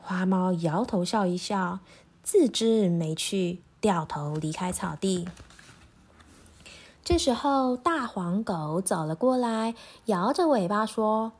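A woman teacher reading a children's story aloud in a gentle, clearly paced way. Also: mid-range voice, animated, slow pace.

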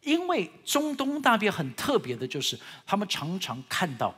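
A man preaching a sermon as a pastor in with a tinge, husky and emphatic, with halting, repetitive phrasing. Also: sits high, huge pitch swings. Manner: emphatic, swinging from loud exhortation to quieter asides; halting, repetitive phrasing with occasional English words. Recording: long hall reverb.

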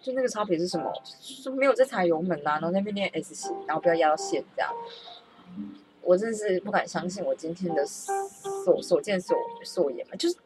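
A young woman telling a story in a casual, animated, self-mocking way. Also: lowish voice, fast talker, poor audio. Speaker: vlogger. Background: faint background music.

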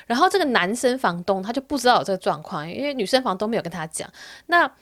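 Animated young woman telling a story. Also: on the high side, fast. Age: young adult. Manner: animated, gets worked up while retelling. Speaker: rental agent for students. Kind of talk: casual storytelling to viewers.

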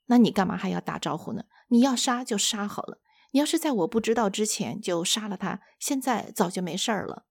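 A woman's voice: medium pitch, moderate pace, mellow, slightly rough, no echo, studio quality, natural voice. A woman voicing a petulant tormented ghost. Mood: indignant. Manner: indignant, then despairing.

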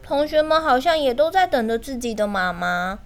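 A woman teacher, reading a children's picture book in a gentle, sing-song way and speaking directly to the children. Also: high-pitched, lively intonation, moderate pace, faint music behind. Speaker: kindergarten storyteller teacher.

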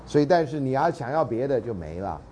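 Male lecturer, Taiwanese Mandarin accent, animated and jokey, lively pitch, faint room noise. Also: fast talker. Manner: animated and joking, drops into dramatic readings and half-sung lines. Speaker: university lecturer.

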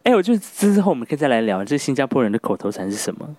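A man's voice: medium pitch, big pitch swings, very fast, warm tone. A man with a Taiwanese accent hosting a casual podcast interview in a playful, bantering way. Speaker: podcast host, radio broadcaster.

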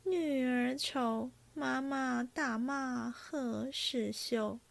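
A woman voicing a young female singing girl at a banquet, soft, slow and sing-song. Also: high-pitched, fairly even intonation, gravelly, dry recording, full character voice. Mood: coy.

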